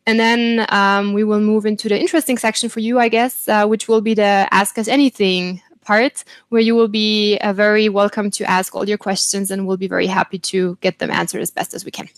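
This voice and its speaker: A woman's voice: mid-range voice, level tone, fairly quick, hardly any pauses, no room sound. A woman hosting a university webinar over a video call, friendly and speaking with frequent fillers. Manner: friendly, filler-heavy delivery. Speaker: webinar host.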